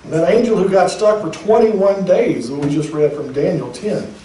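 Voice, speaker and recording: A pastor giving a sermon with emphatic, conversational preaching and speculative asides. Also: male voice, high-pitched, normal speed, dark tone, echoey room, distant mic, slight background noise, rough recording.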